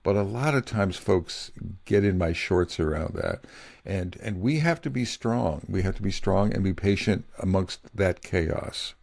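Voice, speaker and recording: A man's voice: deep voice, expressive, a little slow, vocal fry, a little mellow, no echo. A middle-aged man co-hosting a podcast on leadership, talking candidly and in a rambling way, sometimes getting feisty, close to the mic at home. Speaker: podcast co-host. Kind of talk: casual podcast chat. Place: home office.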